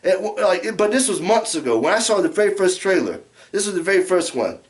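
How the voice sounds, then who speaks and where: A middle-aged American man delivers a drunken, casual rant in a notably high voice. He rambles, circles back over the same phrases and curses freely, like an amateur reviewer talking straight to his viewers. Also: big pitch swings, fast talker. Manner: heavily profane. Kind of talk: casual ranting vlog.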